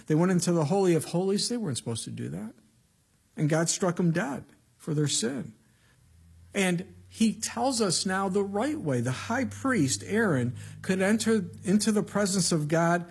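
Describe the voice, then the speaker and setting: A man's voice: high voice, breathy edge. A male pastor giving an evening Bible-teaching sermon into a pulpit microphone, preaching in a conversational, plain-spoken way with emphatic asides.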